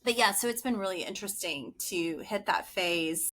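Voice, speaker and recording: A woman's voice: medium pitch, moderate pace, fairly bright tone. A woman in her late forties, a podcast guest telling rambling, chatty stories full of asides. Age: 40s. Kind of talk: casual podcast chat.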